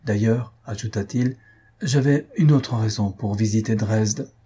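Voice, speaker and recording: A man's voice: fairly low pitch, measured pace, dark tone, husky. A man reading aloud and voicing a nervous young male student who speaks in a stiffly ceremonious way.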